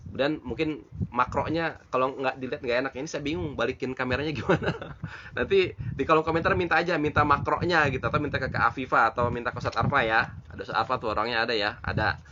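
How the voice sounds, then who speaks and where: A man giving a casual Quran recitation lesson, patiently repeating and slowly modeling Arabic sounds. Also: mid-range voice. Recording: dull lo-fi phone recording with faint hiss.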